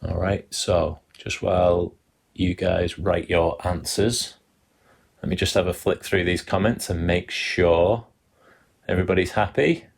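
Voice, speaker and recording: A man's voice: low voice, fairly even intonation, a little slow, creaky, slightly rough. A man hosting a live animation workshop, chatty and explaining step by step while reading out viewer comments. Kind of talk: live-stream teaching demo.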